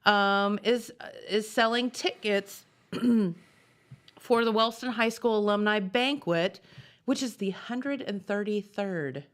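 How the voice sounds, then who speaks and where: A woman's voice: mid-range voice, slow, a bit bright. A woman co-hosting a local morning TV show, chatting casually and reading community announcements in a studio.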